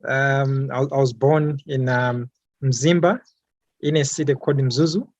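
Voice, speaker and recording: A man's voice: mid-range voice, steady tone, measured pace, a little mellow, lo-fi sound. A young man from Malawi, an environmental activist, answering interview questions hesitantly, with many fillers and repeated words.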